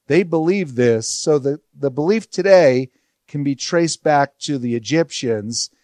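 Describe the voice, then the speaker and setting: A male Bible study teacher works through the text slowly and deliberately, in a fairly high voice. He explains in a conversational way and poses rhetorical questions. The sound is close and dry, with no room echo.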